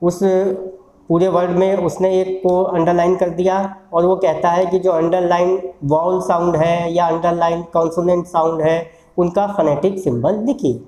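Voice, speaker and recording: Mellow-voiced teacher repeating words slowly. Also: mid-range voice, fairly even intonation, reverberant, rough recording. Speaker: English teacher at a law institute. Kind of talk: recorded classroom lesson on phonetic symbols.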